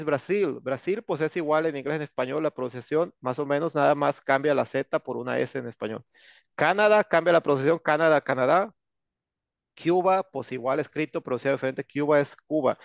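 A man's voice: on the high side, vocal fry, no echo. A man with a Mexican accent teaching an English class online, joking and sarcastic, with plenty of slang. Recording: dull lo-fi sound.

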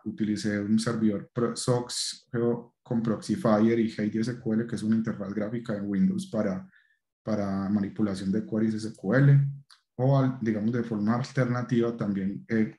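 Low-voiced man presenting over webcam. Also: warm tone, echoey room. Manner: hesitant, frequent fillers and restarts. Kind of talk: technical meetup presentation.

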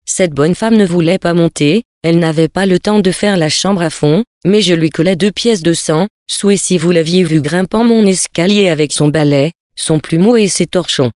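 Story reader, steady and measured, dry close sound, no room echo. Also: mid-range voice. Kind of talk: scripted narration of a novel.

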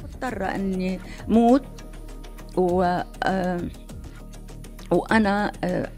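A woman's voice: mid-range voice, slow, mellow, faint music behind. A woman with a Lebanese accent in unscripted personal talk.

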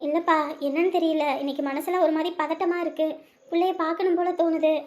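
A woman's voice: extremely high pitch, fairly even intonation, fast talker, a little mellow. An actress playing a worried wife and mother who talks in a pleading way. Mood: anxious. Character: anxious adult wife and mother.

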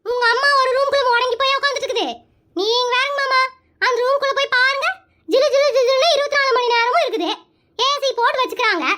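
A woman voicing a dramatic young village wife in a cartoon, quick-tongued and argumentative. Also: pushed and bright. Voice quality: very high squeaky cartoon voice. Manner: wailing, fast, argumentative.

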